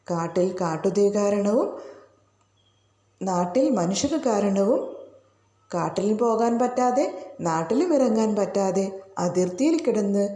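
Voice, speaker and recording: A woman teacher slowly explains a school lesson to children and keeps asking them rhetorical questions. Her voice is mellow and unhurried. The recording sounds roomy and echoey. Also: mid-range voice, animated. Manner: asks pupils rhetorical questions. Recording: roomy echo.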